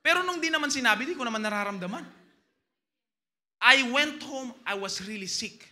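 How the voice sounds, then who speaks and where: Man, Filipino accent, pastor, sermon, very bright forceful tone, animated, loud then hushed. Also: very high voice, normal speed. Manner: animated preaching, swings from loud exclamations to hushed asides.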